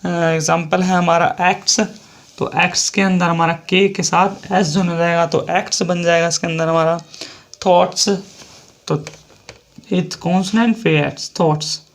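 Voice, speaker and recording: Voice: medium pitch, fairly even intonation, unhurried. Methodical Indian shorthand teacher. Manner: methodical, repeats each example and spells words out letter by letter. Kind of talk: explaining a shorthand lesson.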